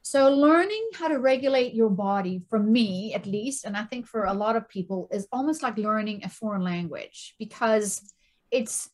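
A middle-aged woman, a stress and anxiety coach, talking as a guest in a casual interview, animated, often repeating words and asking "right?". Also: medium pitch, moderate pace.

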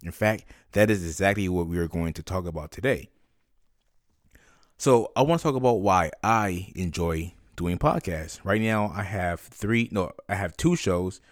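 A man's voice: deep voice, moderate pace, no echo, studio quality. A man hosting a podcast, talking conversationally and instructionally, as if directly to one listener. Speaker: podcast host.

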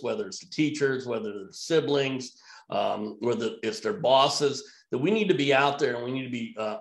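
A man's voice: mid-range voice, echoey room. A man who works as an emergency physician, talking bluntly and emphatically as a guest in a podcast conversation.

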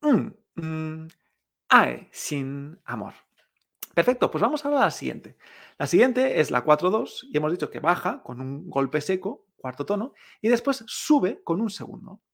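A woman teaching Chinese tones in Spanish in a podcast lesson, lively and drilling words slowly, with frequent tag questions. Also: on the low side, slightly rough.

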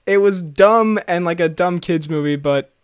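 A man's voice: sits high, normal speed, smooth, dry recording. Chatty laughing guy on a dry mic. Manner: laughs often, rambling with restarts. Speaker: podcast co-host. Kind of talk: casual chat.

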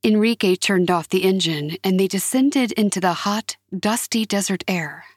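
A woman narrates a story in a steady, measured way. Her pitch sits in the middle of the usual range. The recording is dry and close, with no room around her voice. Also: breathy edge, dry recording. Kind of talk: scripted audiobook narration.

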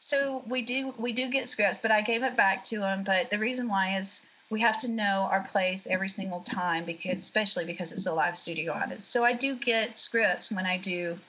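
A woman, an actress and background artist, chatting in an interview in an animated way with quick restarts. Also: mid-range voice, slightly rough. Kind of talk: casual interview chat. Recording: dull lo-fi audio.

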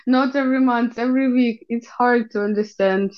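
A young Ukrainian woman with a Ukrainian accent, haltingly searching for English words as she gives a personal account in an interview. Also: a little high, fairly even intonation, muffled recording. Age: young adult. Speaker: interview guest.

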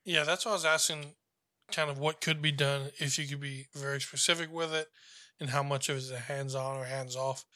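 A man hosting a podcast, chatty and animated, acting out what people said as he tells a story. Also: mid-range voice, fairly quick, dry recording, clean studio sound. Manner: chatty storyteller, acts out quotes. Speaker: podcast host. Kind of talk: casual gaming chat.

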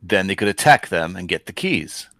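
A man's voice: sits low, expressive, moderate pace, background noise. A man who is game master, narrating a tabletop game in an easygoing way and laughing often.

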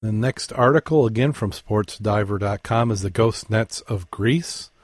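A man co-hosting a podcast, reading dive news articles aloud and chatting, halting with fillers and self-corrections. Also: on the low side, breathy edge, dry recording, studio quality. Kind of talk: casual news reading and chat.

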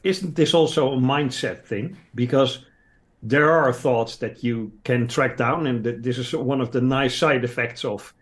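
A man from the Netherlands, a native Dutch speaker, talking English in a reflective casual chat, thinking aloud in halting pieces. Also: medium pitch.

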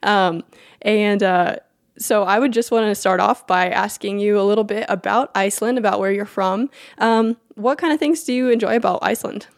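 A woman hosts a podcast, reading her introduction and then slipping into easy, chatty talk with her guest, quick to laugh and to apologize. Her voice sits at a middling pitch. The recording is close and dry, with no room sound around it. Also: no echo. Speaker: podcast host. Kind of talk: scripted podcast intro and casual interview.

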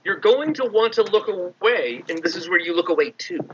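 Man, podcast co-host, casual chat, tangent-prone, slightly high voice, muffled recording. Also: lively intonation, fairly quick, background noise. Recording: dull lo-fi sound.

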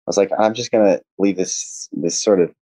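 A young man, a podcast guest, explaining at length in an earnest, halting way, full of "uh" and restarts. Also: deep voice, warm tone, no echo. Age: young adult. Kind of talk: casual podcast conversation.

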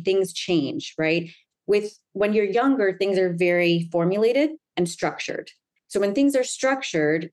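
Earnest woman with a lowish voice. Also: darkish tone. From United States. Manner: earnest, fluent storytelling with frequent "right?" tags. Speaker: guest, anxiety coach. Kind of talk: conversational interview.

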